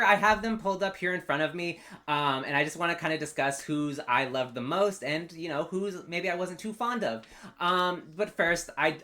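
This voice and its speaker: A man hosting a casual wrestling review vlog, talking in an animated, gushing way full of fan slang. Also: a little high. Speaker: host.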